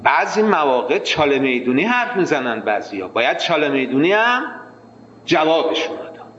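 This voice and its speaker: A man teaching a jurisprudence class, lecturing with energy and slowing into a chanted reading of the text. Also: on the high side, big pitch swings, fairly bright tone, slight background noise. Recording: echoey hall, dull lo-fi sound.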